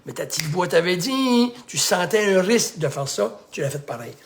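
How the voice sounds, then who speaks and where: A man's voice: high voice, expressive, normal speed, vocal fry, a little hiss or hum. A middle-aged man with a Québécois accent, a life coach giving a casual, rambling motivational talk that repeats itself and acts out bits of dialogue. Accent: Québécois French.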